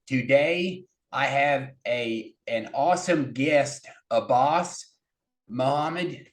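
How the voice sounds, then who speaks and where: A man hosting a podcast, opening the show and asking questions in a slow, halting way. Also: medium pitch. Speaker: podcast host. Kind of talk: scripted show intro and questions. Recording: echoey room.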